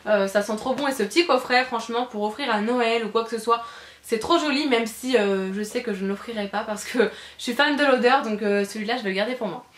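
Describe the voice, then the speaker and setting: A woman's voice: on the high side, a little fast, echoey room. A woman beauty vlogger chatting casually through a shopping haul, gushing and repeating words for emphasis, with frequent hesitations. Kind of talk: casual haul video chat.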